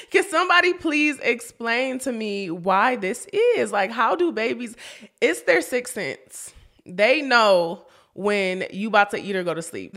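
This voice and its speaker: A woman's voice: on the high side, sharp tone. A young woman hosting a casual podcast for moms, chatty, often laughing and calling her listeners y'all. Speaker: podcast host.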